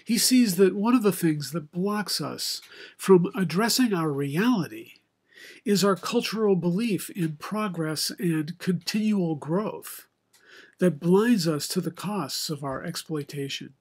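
An older man, preaching a sermon from a home study with bookshelves into a webcam, in a measured, reflective way with many pauses. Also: high-pitched, animated, breathy edge. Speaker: pastor. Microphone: video call webcam, head and shoulders.

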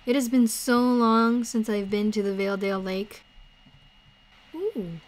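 A woman streamer giving chatty, excitable commentary on a game she is playing. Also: on the high side, measured pace, slight background noise. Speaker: gaming streamer.

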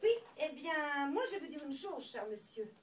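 Woman, comic stage monologue, high voice, swooping pitch, distant mic, roomy hall, faint hiss. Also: moderate pace. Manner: lively storytelling with wordplay. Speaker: stage performer. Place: indoor stage before an audience.

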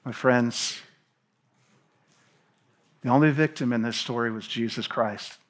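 Speaking in an unhurried mid-range voice, a man in his thirties from Tennessee delivers a sermon on a church stage. This pastor reads scripture aloud, moves around with animation, and punctuates his words with hand gestures.

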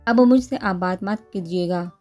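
A woman reading the lines of a shy, innocent young bride who speaks softly. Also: lowish voice, normal speed, soft background music, lightly acted. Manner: soft, shy. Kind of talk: storybook dialogue reading.

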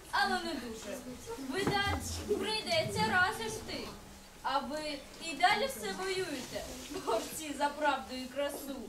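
A woman's voice: very high-pitched, full character voice. A woman playing a cynical tempter who worships gold and power in an amateur nativity puppet play, declaiming in mocking questions. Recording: echoey hall, distant noisy mic.

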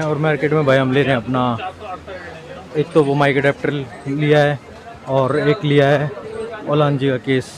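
Chatty young man vlogging in a crowded market. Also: mid-range voice. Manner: chatty, addresses viewers as brother. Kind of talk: casual walking vlog. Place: busy outdoor market street. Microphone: camera held at arm's length. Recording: crowded street noise.

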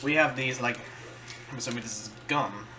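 A man doing a casual food-tasting vlog, halting and searching for words as he chews and talks. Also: medium pitch, background noise. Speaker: vlogger.

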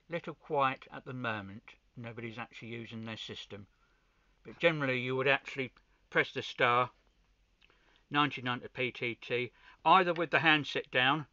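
A hobbyist man presents an unscripted, casual walkthrough of his amateur radio setup, with lots of hesitations and repeated words. His voice is medium-pitched with a sharp edge, recorded dry and sounding dull and lo-fi.

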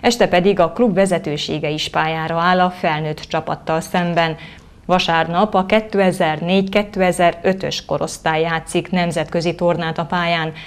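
A woman reading scripted sports news in a brisk, clear delivery. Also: fairly low pitch, steady tone. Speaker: news presenter.

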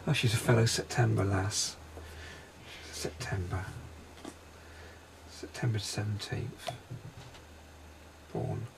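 Male psychic medium, low and gravelly, hesitant and halting delivery, faint noise in the background. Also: steady tone. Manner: hesitant, halting descriptions with many pauses. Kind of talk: paranormal investigation commentary. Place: inside a railway carriage.

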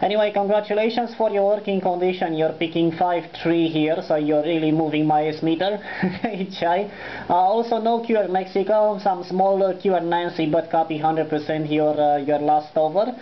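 Speaking at normal speed in a steady, high-pitched tone, a Romanian-accented man works an amateur radio contact from a desk next to the transceiver indoors. He's polite and formulaic and spells things out phonetically, over dull, lo-fi audio carrying faint noise.

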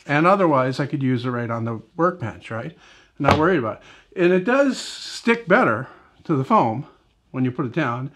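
A middle-aged man with a fairly high, slightly bright voice hosts a woodworking video in his indoor home workshop. His casual demo talk rambles and self-corrects, filled with "right?" and "you know".

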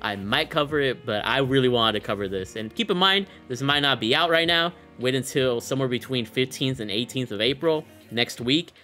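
A late-twenties gaming YouTuber reviews a bundle, talking fairly quickly with hardly any pauses in a medium-pitched voice that sounds pushed and bright. His casual gameplay commentary is hyped, slangy and chuckling. He is close on the mic in a small indoor gaming room, and faint music plays behind him.

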